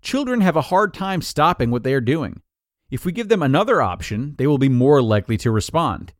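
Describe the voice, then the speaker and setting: Man reading tips in a lively, dry voice. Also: a little high, a little fast, no echo. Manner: clear, even read-aloud delivery of numbered tips. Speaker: narrator reading an article aloud. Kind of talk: scripted narration.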